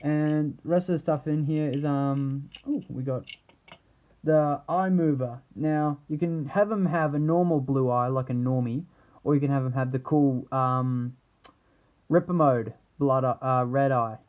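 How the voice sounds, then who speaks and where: Speaking at a medium pitch, a man reviews action figures in a casual, unplanned showcase. His delivery is halting and meandering, often abandoning a thought partway, and the audio sounds dull.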